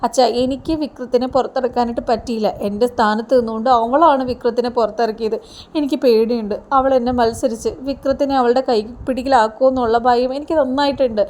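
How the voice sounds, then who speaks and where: A woman's voice: on the high side, fairly even intonation, fast, a little mellow, natural voice. A woman voicing a tearful, stubborn young woman who insists on marrying the man she loves.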